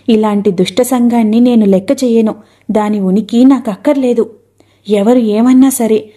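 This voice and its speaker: A proud, grieving mother who pleads through tears and then turns defiant, as a woman reader puts her on. The voice sits a little high, with a soft, mellow tone. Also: close to an everyday voice. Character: grieving middle-aged mother, fierce and proud.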